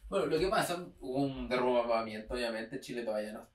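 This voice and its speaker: A young adult man co-hosts a casual literary podcast in an expressive, mid-range voice at a quick pace, often agreeing with "claro" and reading short passages aloud. The recording has a roomy echo, with the mic at a distance.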